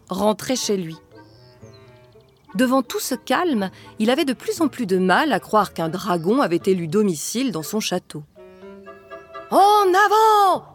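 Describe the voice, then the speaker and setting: A woman reading a storybook aloud in a slow, expressive narrating voice. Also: mid-range voice.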